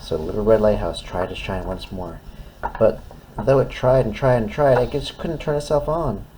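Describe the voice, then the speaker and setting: A man's voice: fairly low pitch, moderate pace, dark tone, a little hiss or hum, rough recording. A man reading a children's story aloud expressively, in simple phrases as if to a toddler. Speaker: storytime reader.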